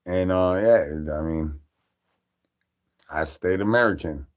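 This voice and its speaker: A man from Chicago talks on his livestream in a deep, unhurried voice. He rambles casually, swears freely, and stops to throw out shout-outs, with a lot of "like" and "uh" along the way. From Chicago, Illinois. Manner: loose, profane, full of fillers and shout-outs. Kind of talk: rambling casual stream chat.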